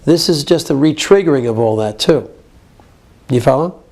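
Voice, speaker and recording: A man with a rather high voice leads a support group in a coaching tone. He is directive and keeps checking that his listener follows. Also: expressive, normal speed, darkish tone. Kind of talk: therapeutic coaching.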